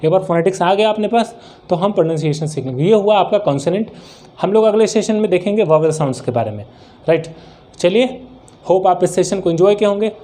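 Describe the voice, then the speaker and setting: A man's voice: high voice, animated, fast, dark tone. A man teaching English pronunciation in a classroom style, asking questions and answering them himself. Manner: asks and answers his own questions, repeats words.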